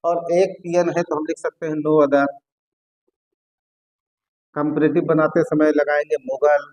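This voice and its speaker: A man teaching an English grammar lesson, often repeating key words slowly as he writes them on the board. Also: on the high side, little pitch movement, a little mellow, low-quality recording.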